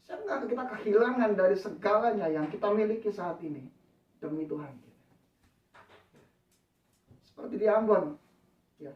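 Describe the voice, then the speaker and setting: A woman's voice: mid-range voice, animated, normal speed, long pauses. A woman preaching a sermon. She keeps saying "ya" and calling out to the congregation as she speaks. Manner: repeats "ya" and "saudara", calls out to the congregation. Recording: echoey, distant, dull church recording.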